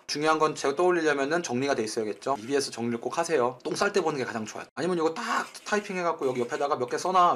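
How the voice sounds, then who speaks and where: Fast, high-voiced joking male tutor. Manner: blunt, joking, crude slang; animated retellings with acted voices. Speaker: Korean-language exam tutor. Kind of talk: lecture.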